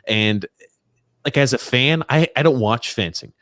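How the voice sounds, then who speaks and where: A man's voice: medium pitch, animated, unhurried, fairly bright tone, no echo, clean studio sound. A man hosting a casual sports talk show, chatty and reading out viewer comments. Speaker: host.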